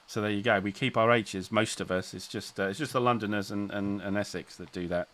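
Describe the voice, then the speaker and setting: A man's voice: fairly low pitch, fairly even intonation, a little fast, a bit bright. A middle-aged man, hosting a casual livestream chat, rambling and restarting sentences with chuckles. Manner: rambling, self-interrupting, chuckling. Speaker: channel host.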